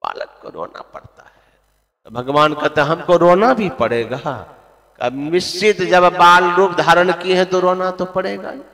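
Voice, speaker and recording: A man's voice: high voice, steady tone, moderate pace, sharp tone. A man preaching a devotional sermon, telling a story in an emphatic, repetitive way with chanted verses, at a religious gathering with long hall reverb.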